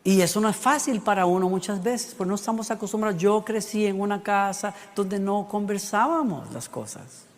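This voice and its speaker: A man preaching a sermon, telling stories with lively acted asides. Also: high-pitched, moderate pace. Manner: animated storytelling with acted asides. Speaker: pastor. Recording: long hall reverb.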